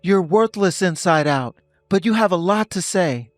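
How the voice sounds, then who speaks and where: A man in his fifties voicing a stern husband who speaks calmly and coldly, lecturing his wife. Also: high-pitched, normal speed, dry recording, clean studio sound, faint music behind. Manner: calm, cold and lecturing. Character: stern husband ending a toxic marriage.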